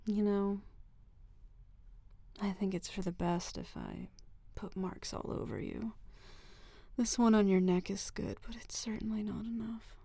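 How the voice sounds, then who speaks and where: A woman playing a possessive, jealous, doting lover in an audio roleplay, speaking to the listener in slow half-whispers with soft giggles. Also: mid-range voice, sing-song, vocal fry, husky, no room sound, full character voice.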